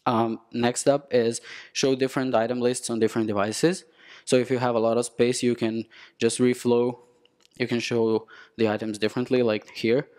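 A young man from Serbia with a Serbian accent, giving a technical conference talk from a lectern in a halting way with many restarts. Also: mid-range voice, little pitch movement, a little mellow. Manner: halting, with frequent restarts and fillers. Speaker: conference speaker.

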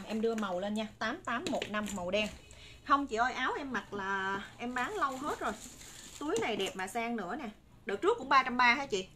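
A Southern Vietnamese woman sells live in a fairly high, bright voice. Her pitch is persuasive and repetitive, addressed straight to viewers. Faint noise sits behind her in a phone recording made indoors. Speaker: live-stream shop seller. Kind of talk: live sales patter, talking to viewers. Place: indoor room with curtains and bagged stock. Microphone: phone a short distance away. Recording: noisy room recording on phone.

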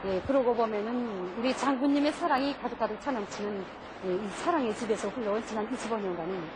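Female TV reporter, North Korean accent, slightly high pitch. Effusive, formal interviewing with clear location noise. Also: fast.

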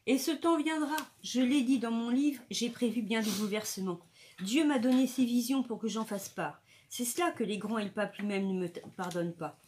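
A woman's voice: on the high side, moderate pace, a little mellow, slight background noise, lightly acted. A woman reading the lines of a fervent visionary monk with solemn, impassioned preaching.

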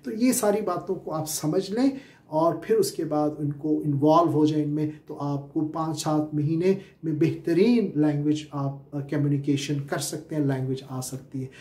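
A man's voice: a little high, moderate pace, dark tone, reverberant. A Pakistani-accented man teaching spoken English as a lecture, explaining step by step with many filler sounds and repeated questions. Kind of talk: classroom-style lecture.

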